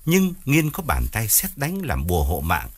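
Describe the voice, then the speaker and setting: A man narrating a ghost story audiobook in an expressive, dramatic way, with soft music behind. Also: fairly low pitch, normal speed, husky.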